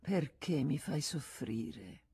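A woman reading aloud, voicing a sulky, lovesick young man who speaks quietly and slowly. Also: low-pitched, steady tone. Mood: plaintive. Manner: quiet, sullen, slow.

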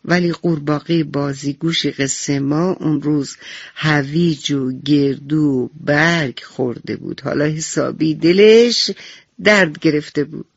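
A woman's voice: low-pitched, vocal fry, slightly rough, no room sound. Radio storyteller, woman, affectionate children's narration, dry close sound, slightly lo-fi. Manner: warm, affectionate addressing of children. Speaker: bedtime storyteller.

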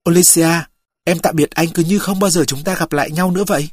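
An earnest young man in love, anxious and sincere, speaking in a husky, slightly lowered voice, as an audiobook reader puts him on. The recording is dry and close. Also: steady tone, fast talker, no room sound, close to an everyday voice.

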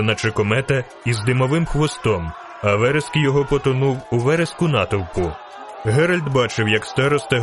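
A man reading a fantasy novel aloud in steady storytelling narration. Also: medium pitch, background noise. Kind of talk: audiobook narration.

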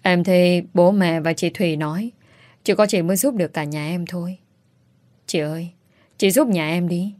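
A woman reading as a gentle teenage boy who sobs and pleads in slow, broken phrases. The voice is low, and the recording is close and dry. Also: dry recording, close to an everyday voice. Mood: tearful. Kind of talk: audiobook character voice.

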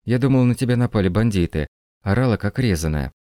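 A man voicing a rough, indignant village neighbor in an audiobook. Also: on the low side, expressive, quick pace, dark tone, dry recording, studio quality, voice pushed up, close to an everyday voice. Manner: indignant, blunt.

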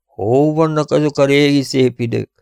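A man's voice: mid-range voice, steady tone, darkish tone, dry recording, studio quality, voice pushed up, close to an everyday voice. A man voicing an old, wheezing former actor turned bandit, who speaks with pompous theatrical pathos. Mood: wistful. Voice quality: wheezy, rasping.

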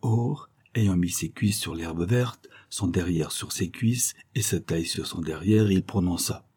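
A man reading a classic tale aloud in a measured, expressive storytelling manner. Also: low-pitched, breathy edge. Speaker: narrator.

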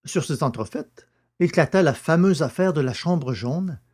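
A man giving a measured, steady scripted narration of a classic novel as an audiobook reader. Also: a little high. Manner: measured, steady literary reading.

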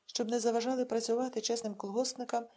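A harsh, contemptuous male secret-police officer barks accusations in this audiobook scene, read by a woman in her own voice. The tone stays mellow and a little husky. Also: on the high side, level tone, fast talker, lightly acted. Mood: scornful. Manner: barking, contemptuous.

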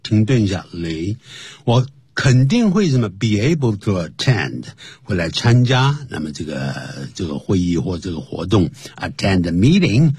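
A man's voice: fairly low pitch, sing-song, moderate pace, darkish tone, husky, no room sound. A man co-hosting a radio English lesson, explaining words and usage patiently. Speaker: English teacher, radio co-host. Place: radio studio.

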